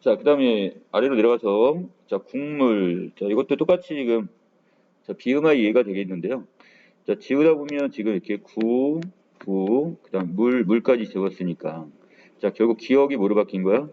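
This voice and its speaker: A male teacher giving a recorded grammar lecture, explaining step by step and starting most phrases with a drawn-out filler. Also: fairly low pitch, animated. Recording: tinny phone-like recording with faint hiss.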